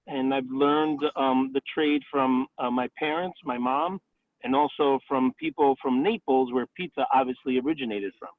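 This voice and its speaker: A chef and restaurant owner in his forties, originally from Italy and raised in the Bronx, New York, talks casually in a career interview over a call, peppering his answers with "um" and "you know." His medium-pitched voice stays fairly even at a normal speed, and the audio is tinny, phone-like, and dry.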